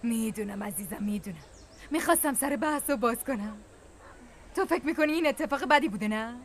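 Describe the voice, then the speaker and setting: A woman's voice: on the high side, lively intonation, slight background noise, natural voice. A woman voicing a coaxing, scheming older sister. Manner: coaxing, advising. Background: music.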